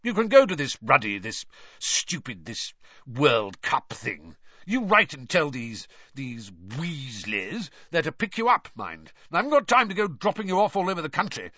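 A middle-aged British uncle in a storybook, permanently outraged. He splutters, hisses and halts before hammering his words home. The pitch jumps high and swings wildly, and the sound is close and dry. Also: sing-song, bright, forceful tone, no room sound, muffled recording, exaggerated voice. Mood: grudging, flustered. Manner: spitting, hissing, halting and emphatic.

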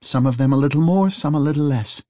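A brisk, old-fashioned woman driver, terse and cryptic, who keeps her answers short. A man plays her in a raised, lighter voice with a dry, close sound. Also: a little high, mellow, no echo, voice pushed up, lightly acted. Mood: cryptic, calm. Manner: clipped, old-fashioned phrasing.

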